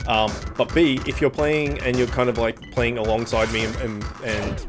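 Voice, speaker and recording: A man's voice: medium pitch, fairly even intonation, moderate pace. A man doing casual, joking, sweary commentary as he plays a video game. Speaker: let's play host. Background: video game music.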